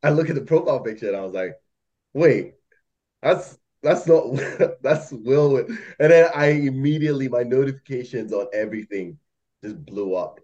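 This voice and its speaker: Medium in pitch, animated and mellow, his voice moves at a normal speed, though the audio's highs are cut off. He's a young Malaysian-raised algo trader chatting casually on a podcast, rambling along with plenty of fillers and laughter.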